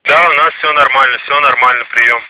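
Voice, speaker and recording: A man's voice: mid-range voice, steady tone, brisk, sharp tone. A man reporting over a crackly walkie-talkie in clipped, procedural radio phrases, repeating himself for confirmation. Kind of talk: two-way radio exchange, procedural call-outs. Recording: crackly two-way radio transmission.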